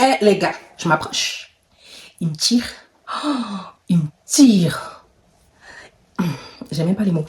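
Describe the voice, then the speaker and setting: A young woman telling a storytime in casual chat, animated and slangy, shifting between loud exclamations and whispers. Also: mid-range voice, reverberant. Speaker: vlogger.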